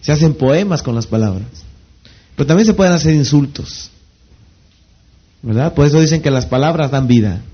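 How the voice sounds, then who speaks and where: A man with a Mexican accent giving a motivational seminar talk as a network marketing trainer. He keeps asking rhetorical questions and pauses for the audience to finish his sentences. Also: a little high, lively intonation, slightly rough, highs cut off. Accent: Mexican Spanish. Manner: rhetorical questions, pausing for the audience to fill in words.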